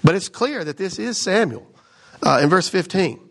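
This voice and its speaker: A man's voice: high-pitched, animated, normal speed, a bit bright. A middle-aged man teaching a casual Bible study, reading passages aloud and explaining them conversationally, often checking in with "right?". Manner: conversational, reads scripture then explains with frequent "right?".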